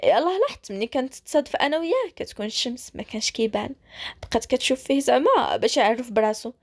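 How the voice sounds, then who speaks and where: A woman with a Moroccan accent narrating a romance story, brisk and lively. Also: sits high.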